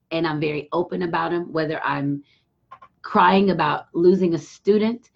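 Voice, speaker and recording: A middle-aged woman, hosting a live talk show and telling a frank, profane story with lively quoted voices. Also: fairly low pitch, creaky, breathy edge. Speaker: show host. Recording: dull lo-fi sound.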